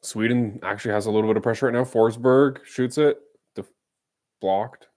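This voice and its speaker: A man's voice: on the low side, steady tone, fast talker, a little mellow. A man streaming a live watch-along of a hockey game, calling the play and bantering with viewers in a teasing, casual way. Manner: chatty, teasing, jumps between play-by-play and banter.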